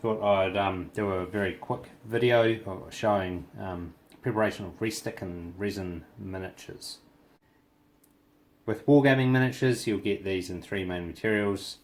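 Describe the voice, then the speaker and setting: With a New Zealand accent and a low, creaky, gravelly voice, a man walks viewers through a practical hobby tutorial. He keeps a steady tone, pausing casually to work out what to say while he demonstrates, with slight background noise behind him.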